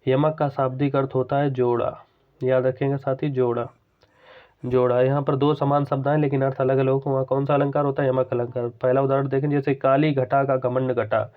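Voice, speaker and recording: Man, teacher, exam-prep lesson, mid pitch, repeats key terms, narrow tinny sound. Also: level tone. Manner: explains patiently, repeats key terms, slows to recite examples.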